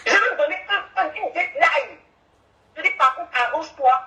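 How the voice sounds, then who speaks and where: A woman's voice: very high-pitched, sing-song, normal speed, pushed and bright, pitched above the performer's own voice, exaggerated voice. A woman voicing a defensive woman who bickers with her partner, in a comic dub. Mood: sarcastic. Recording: echoey room, from far off.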